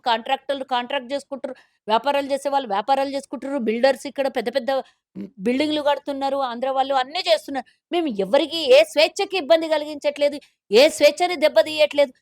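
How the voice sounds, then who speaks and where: A woman with a Telangana Telugu accent, chair of a corporation, appears as a guest in a political interview and speaks indignantly, pointedly and sarcastically. Her voice sits high, and the studio-quality recording has no room sound.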